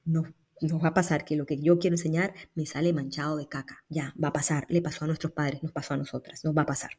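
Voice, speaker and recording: A mother hosting her own parenting podcast, talking to listeners in a lively, conversational way and often checking in with tag questions. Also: deep voice, fast, breathy edge. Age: adult, raising young children. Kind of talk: solo parenting podcast talk.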